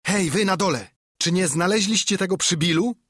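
A shrill, furious blind old pirate beggar, as a narrator puts him on, barking orders at his crew in a high, strained shout. The voice is husky, and it sits dry and close to the mic in a storybook reading. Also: moderate pace, no room sound. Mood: raging.

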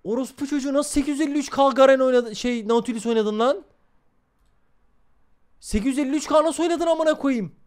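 A man's voice: very high-pitched, brisk, long pauses, a little mellow. A young man streaming a game live, swearing constantly and talking to his chat. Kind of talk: live gameplay commentary.

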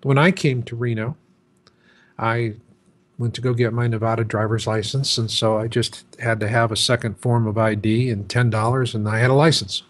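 A man's voice: medium pitch, steady tone, moderate pace. A man in his sixties, a guest in an interview, talking in an emphatic, casual way. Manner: emphatic, acts out chanting crowds in quotes.

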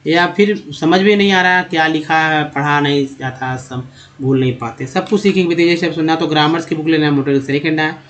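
A man with a Hindi accent teaching English pronunciation in a video lesson, repeating words slowly and calling the viewers friends. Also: on the high side, steady tone, a bit bright, muffled recording.

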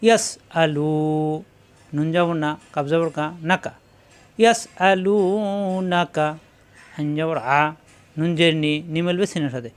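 A man with a smooth, clear, fairly high voice leads a recitation lesson. He breaks each word into syllables, names them one by one, then chants the whole phrase in a long, drawn-out tune. He speaks with a Bangladeshi Bengali accent. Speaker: Quran reading teacher. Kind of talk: slow letter-by-letter recitation lesson.

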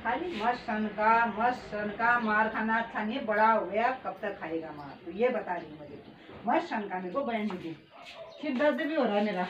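A woman's voice: mid-range voice, normal speed, slight background noise. A middle-aged mother from India scolding her son, nagging and repeating herself. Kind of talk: scripted family comedy argument. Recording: echoey room, distant dull mic.

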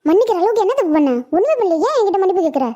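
Performer voicing a cartoon village wife, Tamil Nadu accent, very high voice, chattering fast. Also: very animated, warm tone, highs cut off. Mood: regretful. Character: patient village housewife, devoted to her husband. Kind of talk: cartoon voice acting.

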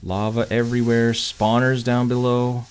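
A man's voice: medium pitch, little pitch movement, moderate pace. A man giving casual video game commentary, muttering to himself as he plays. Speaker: gamer recording a playthrough. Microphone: headset or desk microphone, wearing headphones. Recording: clear background noise. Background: game sound effects with thunder.

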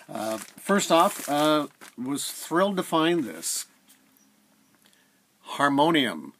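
A middle-aged man with a mid-range, fairly bright voice chats casually about records, rambling with lots of fillers. He's a record collector vlogger in a room at home lined with shelves of records, recorded by a camera at close range.

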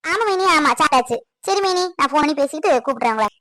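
Chatty reassuring mom on the phone, done by a woman, fast high talk, family skit. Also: lively intonation, sharp tone, no room sound. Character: middle-aged woman, the groom's mother, soothing.

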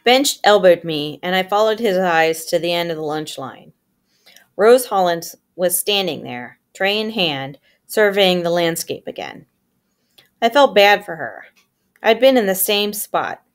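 A woman reading a novel aloud with steady storytelling, giving the characters their own voices. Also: on the low side, a little slow. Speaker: audiobook reader.

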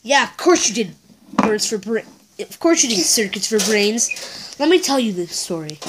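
A woman's voice: fairly high pitch, normal speed. A woman improvising a toy-figure play, voicing every character and whispering prompts to a partner. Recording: steady background hiss.

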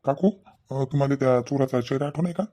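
A man voicing a police officer in a comedy cartoon, asking questions briskly and in a businesslike way. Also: mid-range voice, mellow, close to an everyday voice. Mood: questioning.

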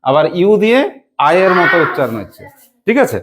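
A woman's voice: lowish voice, sing-song, heavy background noise. A woman teacher leading a spelling lesson for young pupils, drilling them with call-and-response and frequent check questions. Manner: asks children quick check questions.

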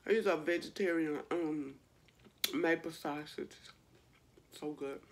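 A woman's voice: sits low, takes it slowly. A woman vlogger, chatting to her viewers in a casual eating-show vlog while chewing as she talks. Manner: chatty, addresses viewers as y'all.

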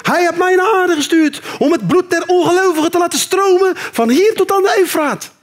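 A man voicing a self-important male terrorist who rants grandly, booming and pompous. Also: brisk. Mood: grandiose.

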